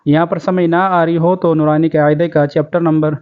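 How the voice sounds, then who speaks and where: A Pakistani man teaching Quran recitation, his voice high and smoothly resonant. He chants each verse slowly and melodically, then explains the pronunciation rules in quick speech. The recording sounds dull and lo-fi. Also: level tone. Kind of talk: tajweed lesson, slow recitation and quick explanation.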